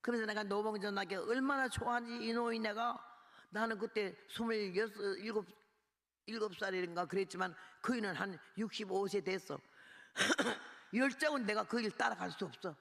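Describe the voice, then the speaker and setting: A woman in her eighties, a missionary preacher, giving a lively testimony sermon with a gravelly voice and acting out the people in her story. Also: medium pitch, normal speed. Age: 80s. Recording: long hall reverb.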